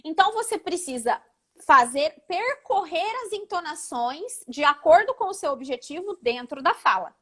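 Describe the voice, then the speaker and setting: High-pitched female oratory coach, didactic, shows intonations as she teaches, on a video call. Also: animated, normal speed, a bit bright. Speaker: oratory instructor, guest speaker. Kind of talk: live online talk, teaching.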